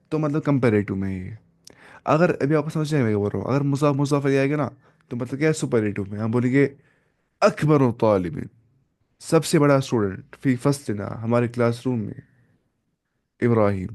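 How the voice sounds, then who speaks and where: A man teaching an Arabic grammar class, slowly repeating word forms and correcting himself as he goes. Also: medium pitch, gravelly, a little mellow. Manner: slow and repetitive, drilling word forms with self-corrections.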